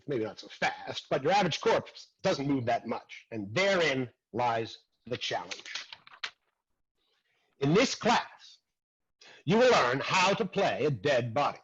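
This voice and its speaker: An actor playing a brash, crude acting teacher in a comic stage monologue. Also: male voice, mid-range voice, unhurried, pauses often, husky, muffled recording, heavily acted. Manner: crude, animated, swings between mutter and loud outbursts. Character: brash crude male acting teacher, former dead extra.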